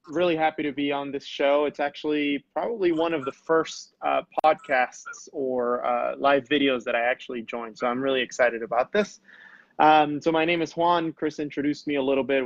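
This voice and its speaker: A man's voice: mid-range voice, fairly even intonation, moderate pace, no room sound. A man from Venezuela, a guest on a live show over a video call, talking casually with many hesitations. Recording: dull, dry call audio.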